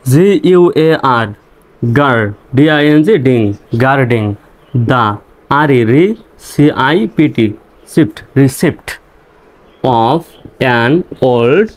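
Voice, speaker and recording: A man teaching English reading, spelling words out letter by letter and repeating each pronunciation slowly. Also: mid-range voice.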